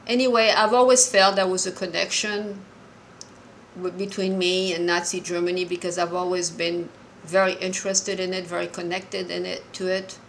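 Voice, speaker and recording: A woman in her sixties, from Morocco, calling in to a show and telling a personal story earnestly and haltingly, often restarting her sentences. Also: fairly low pitch, little pitch movement, slight background noise, rough recording. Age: 60s. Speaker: caller.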